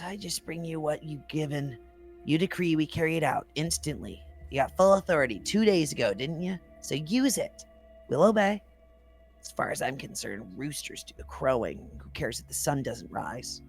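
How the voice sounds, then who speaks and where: Woman voicing a creaky, sullen young boy. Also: deep voice, expressive, normal speed, darkish tone, faint music behind. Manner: impatient and insolent. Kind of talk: reading game dialogue aloud in character.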